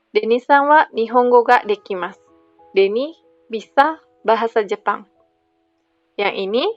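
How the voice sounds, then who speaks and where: Woman, Indonesian accent, fairly high voice, language teacher, patient, repeats phrases slowly, dry close voice-over, soft music, slightly muffled sound. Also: no echo. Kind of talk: slide-based grammar lesson.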